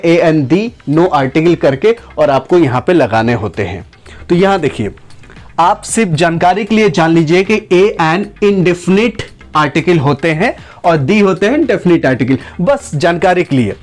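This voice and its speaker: A man teaching English grammar, who repeats and slowly stretches out each example sentence. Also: high-pitched, expressive. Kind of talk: spoken lesson to camera.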